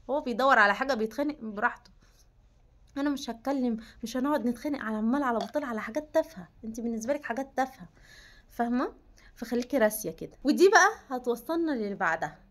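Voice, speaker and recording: Young Egyptian woman, vlog advice-giver, brisk and emphatic, direct to camera. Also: a little high. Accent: Egyptian Arabic. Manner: emphatic, coaching, addresses listener as "you". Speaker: self-help vlogger.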